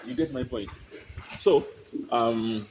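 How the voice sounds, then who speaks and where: A man's voice: mid-range voice, slow, darkish tone. A man guiding visitors through a dairy barn, explaining step by step and often checking that his listeners follow. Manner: explanatory, keeps checking "you get my point?". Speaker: farm guide. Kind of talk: explaining on a farm tour. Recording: noisy farm barn recording.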